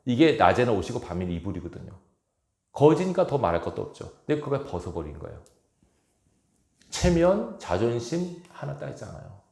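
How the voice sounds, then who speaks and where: A man's voice: mid-range voice, big pitch swings, fairly quick, vocal fry, a little mellow. A male pastor preaching a sermon with emphasis, asking his congregation rhetorical questions, recorded in an echoey church hall. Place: church sanctuary.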